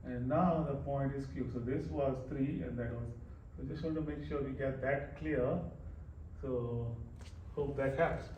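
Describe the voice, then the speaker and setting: A man with a fairly high but darkish-toned voice gives a casual math lesson built on a worked example, explaining each step while writing and repeating his phrases a lot. Echo fills the room, the mic sits far off, and faint noise lingers.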